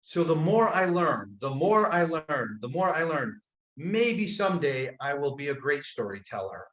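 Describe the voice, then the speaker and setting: A man from upstate New York, a guest storyteller talking in a thoughtful, unhurried way, with many "uh" pauses and soft phrase ends. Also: a little high, sing-song, roomy sound, low-quality recording. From upstate New York, United States. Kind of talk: casual storytelling talk on a webinar. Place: indoors, abroad in Croatia.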